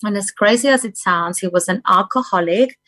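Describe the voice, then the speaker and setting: A woman's voice: mid-range voice, fairly quick, a bit bright, no echo, low-quality recording. Colombian woman talking earnest to listeners, spanish accent, dry close sound. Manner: earnest, direct address to listeners, non-native phrasing. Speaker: guest speaker. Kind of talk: personal talk on well-being.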